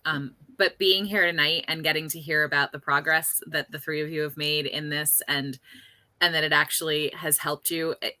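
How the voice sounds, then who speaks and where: Co-host: a woman with a low voice and bright edge, dry sound. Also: fairly even intonation, moderate pace, no room sound. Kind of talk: casual podcast chat.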